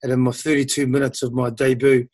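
A man's voice: mid-range voice, little pitch movement, quick pace, a little mellow, dry recording. A man in his fifties from New Zealand, a former rugby player telling his career story in a rambling interview, full of fillers and restarts.

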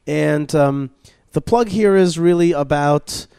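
A man's voice: a little high, slow, gravelly, warm tone, smooth, dry recording. Man, radio host, casual rambling chat, dry close mic. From Israel. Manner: rambling, many restarts and fillers. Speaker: podcast host. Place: studio at a learning center.

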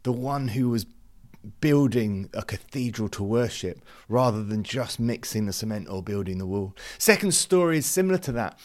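A man's voice: on the low side, lively intonation, moderate pace, darkish tone. A man from the UK hosting a devotional youth ministry podcast, talking earnestly and conversationally with frequent fillers.

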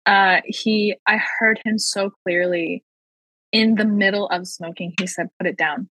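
A woman talking as a podcast guest, sharing a personal faith testimony in an earnest way and slowing down to stress key phrases. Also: mid-range voice, steady tone, fairly bright tone, a little hiss or hum, low-quality recording.

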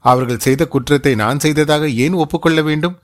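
A man's voice: fairly high pitch, fairly quick, pitched above the performer's own voice, close to an everyday voice. A man voicing a guilt-ridden young noblewoman, pleading in distress. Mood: bitter.

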